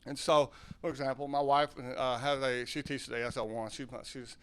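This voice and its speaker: A man's voice: mid-range voice, steady tone, moderate pace, a bit bright, smooth. A man from southern Ohio who teaches sign language, giving a loose, self-correcting talk and questioning his audience.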